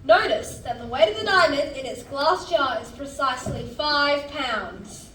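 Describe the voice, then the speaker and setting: Woman as high-voiced, showy French gentleman scientist, echoey. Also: animated, a little slow, slight background noise, full character voice. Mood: grand, showy. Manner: grand, formal, declamatory. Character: showy French male scientist presenting an experiment. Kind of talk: stage musical acting, theatrical presentation. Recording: distant, echoey stage recording with music.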